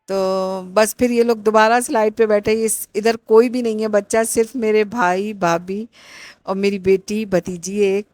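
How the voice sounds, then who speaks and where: A woman's voice: medium pitch, steady tone, a little mellow, no room sound. Middle-aged woman, casual vlog narration, rambling with fillers, dry recording. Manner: chatty, rambling with many fillers. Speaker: vlogger.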